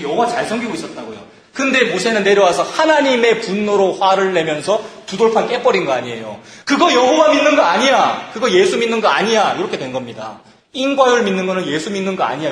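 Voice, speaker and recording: A male pastor delivers an animated sermon, firing rhetorical questions and acting out quotes. His voice sits somewhat high for a man. The sound rings with the echo of a large church hall. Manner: lively preaching, rhetorical questions, acted-out quotes. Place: church youth retreat hall. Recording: echoey hall.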